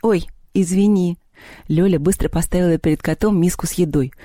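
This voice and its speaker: A calm audiobook narrator reads a children's story with a mellow, soft tone. The recording is dry and close, with no room sound. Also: medium pitch, fast, no echo. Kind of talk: scripted narration.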